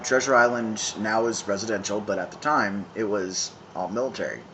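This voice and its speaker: A man in his thirties talking casually to a phone camera outdoors, smoking, with many pauses and restarts. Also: fairly low pitch, fairly bright tone, low-quality recording. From San Francisco, California. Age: 30s. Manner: halting, many ums and restarts, conversational. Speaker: vlogger. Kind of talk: casual rambling monologue. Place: outdoors in town, evening. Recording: phone video with clear background noise.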